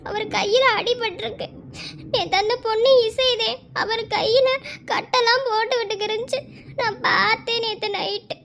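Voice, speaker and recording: A woman's voice: very high-pitched, fairly even intonation, a bit bright. A woman voicing a sulky, tearful young village wife with a Madurai Tamil accent, pouty and teasing in a cartoon. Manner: pouty, teasing, quick to tears.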